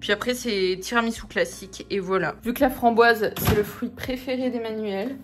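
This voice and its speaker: A woman's voice: on the high side, steady tone, moderate pace, reverberant, music in the background. A young woman vlogging casually and enthusiastically in her home kitchen, chatting freely with lots of fillers. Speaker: fitness and food vlogger. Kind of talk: casual vlog chat.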